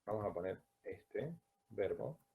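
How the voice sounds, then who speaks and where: Man, from Latin America, language teacher, lowish voice, slow deliberate drilling, checks in after each point. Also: expressive, gravelly, phone-quality sound. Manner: drills sounds slowly and deliberately. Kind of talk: online class lecture.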